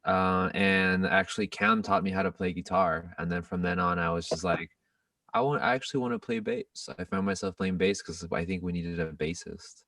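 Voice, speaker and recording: A man, a band bassist, speaking haltingly with restarts in a casual interview. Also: steady tone, a bit bright, dry recording, recorded from a distance. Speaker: bassist, guest.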